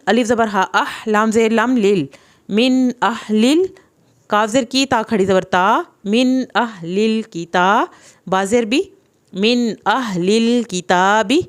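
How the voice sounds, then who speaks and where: A young woman teaching Quran reading, slowly sounding out each letter and vowel mark syllable by syllable and then explaining the rules. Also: on the high side. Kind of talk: slow spelled-out recitation lesson.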